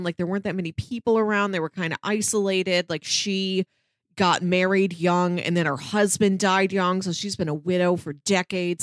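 A woman with a lowish voice co-hosts a podcast, casually retelling and talking through a story in loose, chatty speech full of filler words. The recording is studio quality with no echo.

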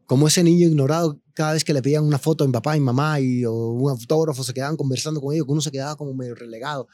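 A man, a guest telling his story with animated, slangy chat. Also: on the high side, very fast, dry recording. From Cuba. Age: 40s. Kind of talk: casual interview chat.

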